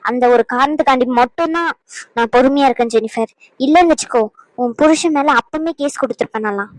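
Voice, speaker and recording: A woman voicing a stern, angry elder sister in an animated drama, who lectures and scolds sharply. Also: sits high, fast talker, no room sound, lightly acted, poor audio.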